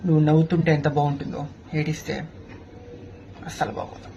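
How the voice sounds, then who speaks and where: A man's voice: fairly high pitch, level tone, very noisy. Man murmuring tender romantic lines. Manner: hushed, tender, drawn-out delivery. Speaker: actor rehearsing a romantic scene. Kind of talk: soft romantic line delivery in a comedy sketch. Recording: dull, slightly muffled recording with faint ambience.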